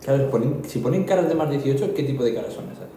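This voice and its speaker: A man in casual podcast chat, throwing in quick jokes and interjections. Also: medium pitch, lively intonation, mellow, a little hiss or hum. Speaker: podcast co-host. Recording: very echoey room.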